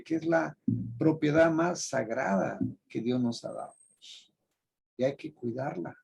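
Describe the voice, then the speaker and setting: A man preaching with earnest conviction and telling everyday stories to drive home moral lessons. His voice is gravelly and husky, at a middle pitch. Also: a little mellow. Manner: earnest, storytelling, emphatic on moral points. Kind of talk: preaching talk with personal stories.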